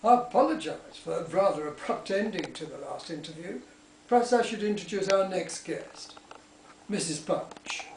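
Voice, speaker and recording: A polite, formal interviewer in a scripted mock studio interview. The delivery is straight-faced, yet the pitch moves about in a lively way. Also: normal speed, slight background noise, rough recording.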